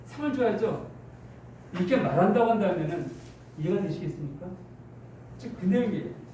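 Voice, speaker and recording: A male pastor delivers a sermon, unpacking a scripture passage and bringing it to life with acted-out illustrations. His voice sits high. It rings through a cavernous, echoing church hall, with faint room noise behind it. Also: lively intonation, quick pace, mellow. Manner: preaching with spoken illustrations and quoted dialogue. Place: church sanctuary. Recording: echoey church hall, mic at a distance.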